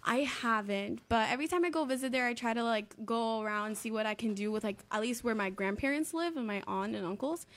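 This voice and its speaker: A woman's voice: fairly high pitch, brisk, few pauses. A young woman from Miami, talking casually as a guest in an interview, with lots of "like" and "um" fillers. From Miami, United States. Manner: chatty, uses lots of "like" and "um" fillers.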